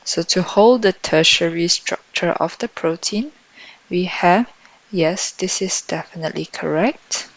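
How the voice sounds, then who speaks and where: A woman tutor thinking out loud as she works through exam questions in a lesson, on a dull lo-fi microphone. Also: fairly low pitch, unhurried, no room sound. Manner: thinking out loud while solving. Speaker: biology tutor.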